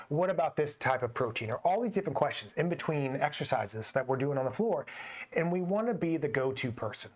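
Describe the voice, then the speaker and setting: A man co-hosting a fitness podcast, telling stories from training clients in a conversational way. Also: a little high. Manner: conversational, anecdotal, quotes clients. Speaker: podcast co-host, personal trainer. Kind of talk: casual podcast discussion.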